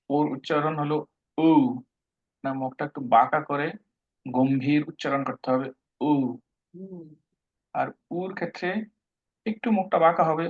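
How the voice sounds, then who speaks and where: Guy teaching a live online class, middle pitch, kinda muffled lo-fi audio. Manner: patient, explains pronunciation step by step, mixes in English words. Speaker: language teacher. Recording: dull lo-fi online call audio.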